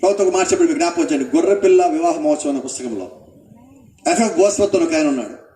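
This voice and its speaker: A man's voice: on the high side, racing, dark tone, roomy sound, far from the mic. A male pastor preaching a sermon, asking the congregation questions and acting out what people say.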